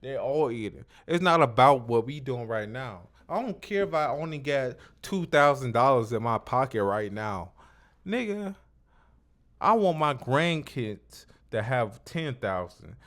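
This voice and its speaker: Here a man hosts a relaxed interview in a mid-range, expressive voice with a fairly bright tone, speaking a little slowly. He piles on slang and profanity, stressing and repeating himself.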